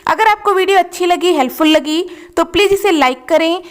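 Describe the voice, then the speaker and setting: A woman teaching from a worksheet in a patient, slow way, spelling out words letter by letter. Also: very high-pitched. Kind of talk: worksheet lesson.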